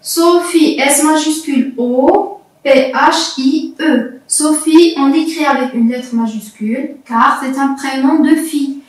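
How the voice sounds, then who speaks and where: A woman's voice: sits high, slow, distant mic. A woman teaching young pupils to read, patiently repeating and spelling out letters and syllables. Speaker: primary school French teacher. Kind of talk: slow classroom video lesson. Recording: echoey room, voice off-mic.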